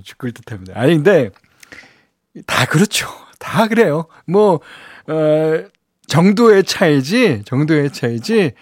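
A man's voice: mid-range voice, dry recording. A man hosting a radio show, reading listener messages in a chatty, conversational way with lots of affirming asides. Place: radio studio. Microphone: studio microphone, close and dry.

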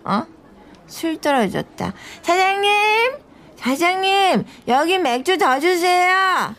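A woman voicing a bossy tipsy young teaching assistant, high lively voice, slow drawl, radio drama. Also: slight background noise, full character voice. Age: young adult. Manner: teasing, whiny pleading. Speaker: voice actor.

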